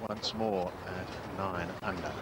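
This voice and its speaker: A man's voice: low voice, steady tone, takes it slowly, very noisy. A man giving live golf commentary on players, putts and standings.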